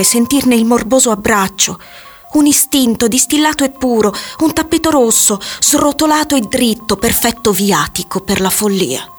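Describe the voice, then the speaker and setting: A woman giving a measured, dramatic scripted narration of a story. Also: on the high side. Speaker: audiobook narrator. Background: faint music.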